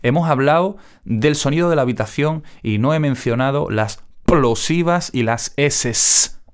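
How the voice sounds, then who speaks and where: Crisp-spoken man teaching audio mixing. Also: mid-range voice, lively intonation, unhurried. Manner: casual, frequent "¿vale?" check-ins; crisp careful diction. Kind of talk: spoken tutorial lesson.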